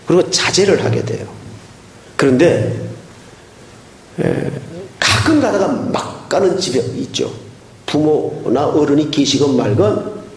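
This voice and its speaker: A man's voice: fairly high pitch, slow pace, long pauses. A man in his fifties preaching a sermon as pastor, telling stories and acting out voices. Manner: animated storytelling, acts out quoted voices. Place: church sanctuary. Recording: roomy church sound with faint noise.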